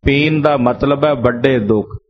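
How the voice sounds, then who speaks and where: A man's voice: medium pitch, a little slow. A man preaching a Sikh sermon, explaining each sung verse by repeating its meaning in several phrasings. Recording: lo-fi dull recording.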